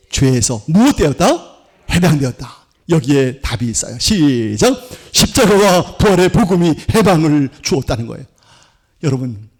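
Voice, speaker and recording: In a church sanctuary, a male pastor delivers a Sunday sermon in a high-sitting, darkish voice. He often poses questions to the congregation and answers them himself, acting out the accusing voices of law and sin.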